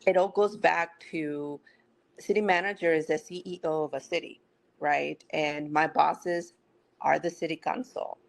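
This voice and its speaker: Woman, from Mexico, middle-aged, low voice, slight fry, measured podcast interview. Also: fairly even intonation, poor audio. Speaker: city manager.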